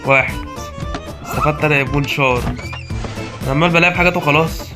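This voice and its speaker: A man's voice: on the high side, fairly even intonation, fast talker. A man with an Egyptian Arabic accent commenting on a horror game as he plays, panicky and pleading with himself. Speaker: gamer. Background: violin game music.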